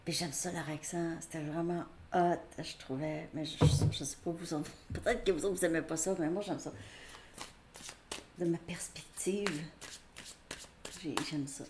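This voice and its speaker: A woman's voice: sits low, fairly even intonation, unhurried. A woman with a Québécois French accent giving a casual, rambling tarot reading, thinking aloud with many fillers. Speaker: tarot reader. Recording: echoey room with faint noise.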